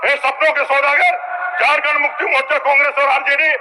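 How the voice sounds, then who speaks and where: An opposition legislator delivers a combative, accusatory political speech in a large indoor chamber, repeating phrases for emphasis. His very high-pitched voice sounds pushed and bright, with flat delivery at a slightly fast pace. The hall is reverberant, heard through a public address system.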